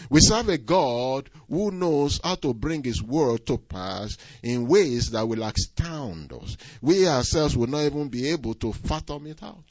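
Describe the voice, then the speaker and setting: A man preaching a sermon, shifting between quiet stretches and loud emphasis and drawing out key words. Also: mid-range voice, lively intonation, measured pace, hardly any pauses, no echo. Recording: dull, dry lo-fi recording.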